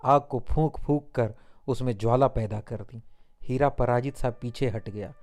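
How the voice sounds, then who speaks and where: A man narrates a classic novel as an audiobook, in scripted, dramatic storytelling. His voice is of middle pitch and steady. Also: unhurried.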